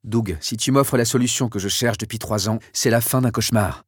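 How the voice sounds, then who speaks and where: Un homme qui fait un civil obstiné et fiévreux. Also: male voice, mid-range voice, brisk, breathy edge, no room sound, studio quality, close to an everyday voice. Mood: earnest. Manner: insistent, intense. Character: eager determined male civilian, middle-aged. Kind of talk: audiobook character voice.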